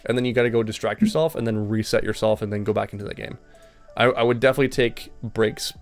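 Gravelly-voiced male gaming coach. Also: mid-range voice. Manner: direct, instructive, repeats key points. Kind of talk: coaching session with game review.

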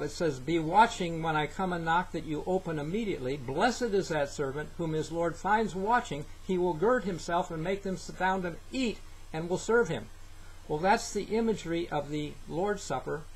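A man's voice: on the high side, a little hiss or hum, rough recording. Older guy preaching into his webcam, earnest, lots of ums, small room. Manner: earnest, halting, with many fillers and scripture citations. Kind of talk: sermon-style Bible teaching. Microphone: webcam, head-and-shoulders framing.

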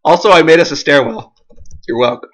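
A high-voiced host playing a game with a friend, chatting excitably, giggling and often shrieking dramatically. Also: brisk. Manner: frequent shrieks and screams. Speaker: Let's Play host. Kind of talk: excitable gameplay chat.

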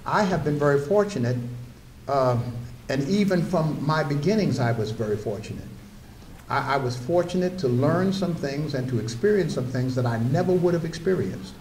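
An expressive, somewhat high and slightly mellow voice belongs to the older guest lecturer, who moves at a moderate pace while sharing stories from his life and chatting aside to the audience. He speaks at a wooden podium mic in a roomy lecture room, with a little hiss or hum.

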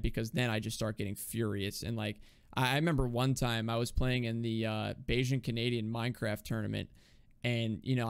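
Gravelly young man chatting casually. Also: mid-range voice. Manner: rambling, self-deprecating, laughs often. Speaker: podcast co-host. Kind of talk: casual chat.

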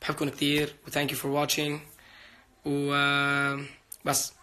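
Young guy w/ a chatting live w/ fans, bright voice, a bit high. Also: monotone, takes it slowly. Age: young adult. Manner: chatty and playful, reads out fan names and thanks them. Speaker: livestream host answering viewer comments. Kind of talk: casual live chat.

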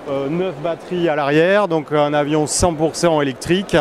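A man in his forties, a sales manager answering interview questions in a measured, hesitant way with many filler sounds, recorded on a handheld mic. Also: fairly high pitch, fairly even intonation. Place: busy indoor trade-show hall. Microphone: handheld interviewer mic close up. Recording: clear crowd hall noise behind.

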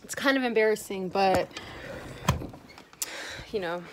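A woman's voice: mid-range voice, measured pace, noisy background. Young woman, casual vlogger, chatty and rambling, kitchen clatter behind. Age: young adult. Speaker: fitness vlogger. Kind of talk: casual vlog chat. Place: home kitchen.

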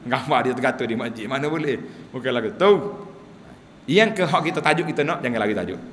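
A man's voice: medium pitch, lively intonation, fast talker, fairly bright tone, big-room sound, slight background noise. A man giving a sermon lecture, telling humorous stories and acting out quotes. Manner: humorous storytelling, acts out quotes. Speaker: religious teacher.

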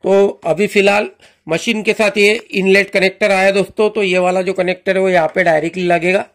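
Male host, high voice, casual how-to demo. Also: steady tone, brisk, fairly bright tone. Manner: friendly instructional, repeats "जी हाँ दोस्तों". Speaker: channel host demonstrating a car washer.

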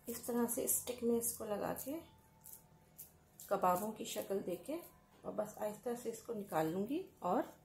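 A woman hosting a home cooking channel, calmly explaining each recipe step to viewers in a voice-over. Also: medium pitch, echoey room, a little hiss or hum. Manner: calm step-by-step explaining, addresses viewers directly. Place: home kitchen.

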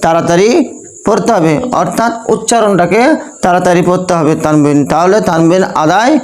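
A young man with a Bangladeshi Bengali accent leads a recitation class in a fairly high voice. He repeats each point over and over and keeps checking in with his students by asking them questions. Crickets chirp faintly behind him. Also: a little fast, low-quality recording. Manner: repetitive, asks students rhetorical questions. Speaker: Quran recitation teacher. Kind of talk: classroom lesson with call-and-response.

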